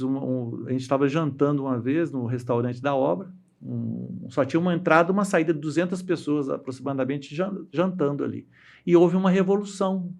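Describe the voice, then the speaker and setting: With a fairly high, creaky voice, a middle-aged dam engineer from Brazil tells stories as an interview guest in a Brazilian Portuguese accent. The talk is casual, full of restarts and fillers, and he performs the voices of those he quotes.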